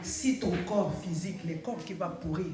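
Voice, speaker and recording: A woman preaching with a fairly low pitch and normal speed keeps calling out "Alléluia" for her congregation to answer. A crowd can be heard in the background answering "Amen", and the recording is very echoey, captured from far away.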